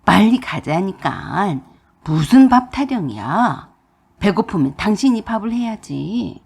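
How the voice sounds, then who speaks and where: A woman voicing a stern, domineering older father-in-law who scolds gruffly. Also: mid-range voice, very animated, slow pace, a little mellow, exaggerated voice. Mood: impatient.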